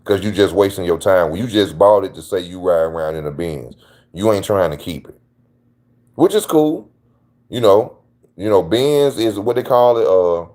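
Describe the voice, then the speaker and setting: Here a channel host's voice sits on the low side and is slightly mellow. He gives laid-back opinion commentary, slangy and forceful, repeating what he's already said for emphasis.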